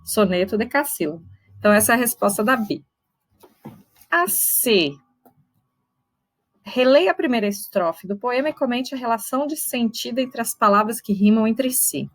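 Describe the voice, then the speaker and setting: A woman teaches a literature class online, her voice sitting a little high. She explains step by step, checks in with her students, and slowly spells out syllables. The sound is dry and close, with no room around it. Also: lively intonation, no room sound, poor audio. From Brazil.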